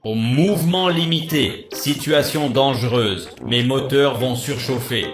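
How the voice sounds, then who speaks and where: A man voicing a talking toy robot with artificial intelligence, using a robot voice that is flat and precise and talks in calculations. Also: medium pitch, unhurried. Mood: logical. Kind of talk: cartoon voice acting. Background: children's music.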